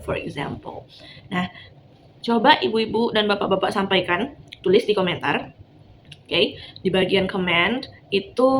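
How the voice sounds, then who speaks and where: A woman's voice: mid-range voice, background noise. A woman running an online training session for primary school teachers, encouraging and mixing in English phrases. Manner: sings example lyrics slowly to a nursery tune. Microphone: video call.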